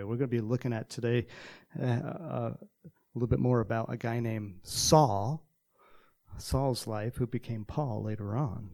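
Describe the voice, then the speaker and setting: This man is a Texas pastor in his sixties whose slight Texan accent colors a casual, rambling sermon packed with fillers. His voice sits at medium pitch, creaky and dark in tone.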